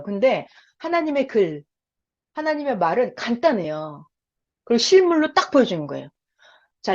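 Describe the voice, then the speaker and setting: A woman preaching and teaching an audience in an animated, explanatory way, laughing now and then as she gives examples. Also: fairly high pitch. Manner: animated, gestures while explaining, frequent laughs. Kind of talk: sermon-style teaching. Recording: dull lo-fi sound.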